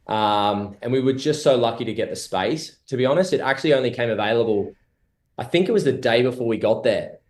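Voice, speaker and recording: A man's voice: mid-range voice, lively intonation, fairly quick, a little mellow, roomy sound. A man, a company owner answering interview questions in an upbeat, casual way.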